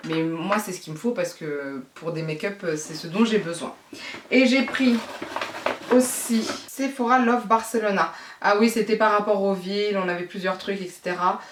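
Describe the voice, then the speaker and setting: A woman's voice: medium pitch, roomy sound, recorded from a distance, a little hiss or hum. A young woman from France chatting playfully as a beauty vlogger, showing off her purchases to her viewers. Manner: chatty, playful, addresses viewers as "les gars". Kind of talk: casual haul video chat.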